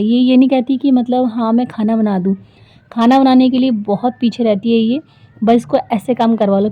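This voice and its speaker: With a fairly high voice, a woman in her thirties who vlogs and keeps house rambles through a casual voice-over full of filler words. The sound is dry, echo-free, and thin, as if from a phone.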